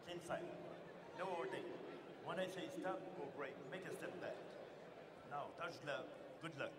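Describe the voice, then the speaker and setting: A man's voice: a little high, measured pace. Curt male referee in a noisy, echoey arena. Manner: curt, clipped commands. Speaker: boxing referee. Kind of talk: brief pre-fight instructions. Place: boxing ring in an arena.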